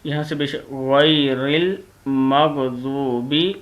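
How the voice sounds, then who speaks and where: A man teaching prayer recitation to children, repeating each phrase slowly and correcting common mispronunciations. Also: medium pitch, fairly even intonation. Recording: dull lo-fi recording.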